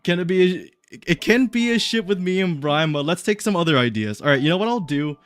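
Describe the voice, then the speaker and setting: A man's voice: sits high, lively intonation, fairly quick, clear, resonant tone, soft background music. A man hosting a livestream, chatting casually and rambling as he reads chat aloud. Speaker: livestream host.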